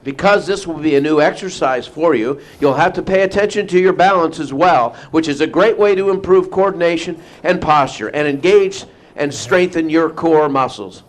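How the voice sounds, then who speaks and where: A man's voice: fairly high pitch, moderate pace, rough recording. A man reading a scripted report as a reporter, in full explanatory sentences.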